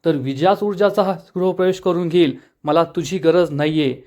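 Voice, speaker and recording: A man's voice: fairly high pitch, moderate pace, darkish tone, natural voice. A man voicing a stern, scheming middle-aged father who gives firm, commanding lines in a serial recap. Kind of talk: dramatic reading of a TV serial recap.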